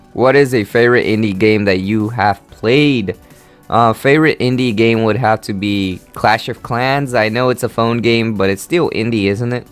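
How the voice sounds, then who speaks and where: An eighteen-year-old man from Honduras who hosts a gaming channel runs a casual Q&A vlog. His voice is on the low side, clear and resonant, and he rambles in an easygoing way with lots of fillers.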